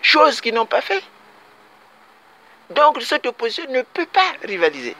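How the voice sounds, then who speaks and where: A man's voice: very high voice, huge pitch swings, unhurried, pushed and bright. A man from Congo-Brazzaville giving an emphatic political commentary monologue, repeating his points and addressing his compatriots directly.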